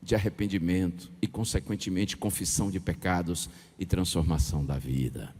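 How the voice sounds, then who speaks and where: A man's voice: sits low, moderate pace, breathy edge. A middle-aged man from Bahia, Brazil, telling a personal story in a sermon as pastor and acting out the dialogue. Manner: lively anecdotal storytelling with chuckles and acted dialogue. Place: large hall or church with audience. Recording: preacher in a reverberant hall.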